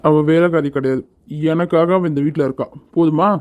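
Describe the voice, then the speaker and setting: A hot-tempered cartoon young man who scolds and commands, fierce in defending someone he cares about, as an actor plays him. The voice sits at an everyday middle pitch. It is a cartoon voice performance. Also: steady tone, brisk, darkish tone, highs cut off, natural voice. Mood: angry. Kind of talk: animated cartoon voice acting.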